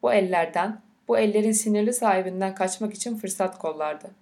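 A woman reads a novel aloud as an audiobook narrator. Her voice sits at a middling pitch for a woman, and the delivery is measured and unhurried. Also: a little mellow.

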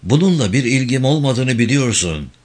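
A man voicing a quiet, sorrowful young man in a read-aloud novel. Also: medium pitch, moderate pace, pitched above the performer's own voice, lightly acted. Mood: subdued. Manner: subdued, flat.

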